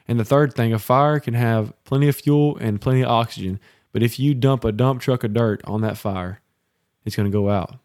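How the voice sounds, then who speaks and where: A man's voice: medium pitch, moderate pace, darkish tone, no echo, studio quality. A man co-hosting a faith podcast, teaching in a preacherly way, counting off his points and asking for an amen. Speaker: podcast co-host.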